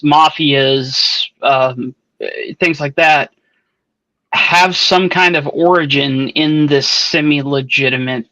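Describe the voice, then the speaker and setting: A man chats about a novel in a casual online book club, working through his points with musing asides. His voice is bright and a touch high. The recording is dull and lo-fi, with a very dry sound. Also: no echo. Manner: explains things at length with musing asides.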